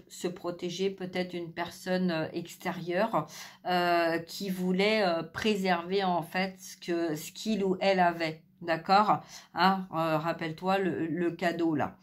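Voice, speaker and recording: A middle-aged woman giving a spiritual card reading, hesitant with many fillers, speaking softly because she is losing her voice. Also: lowish voice. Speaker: tarot card reader.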